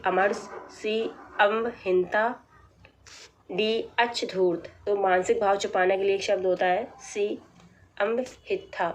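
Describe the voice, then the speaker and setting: A woman teacher going through a practice test, reading out each option and then explaining the right answer in a plain, measured way. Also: mid-range voice, a little hiss or hum. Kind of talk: exam practice lesson.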